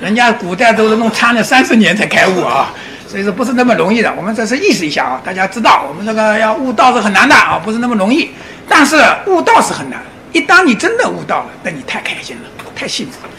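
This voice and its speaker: Lively male lecturer, swooping pitch. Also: fast talker. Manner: animated, with frequent rhetorical questions to the audience; chuckles often while explaining. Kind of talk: public lecture on Chinese classics and Zen.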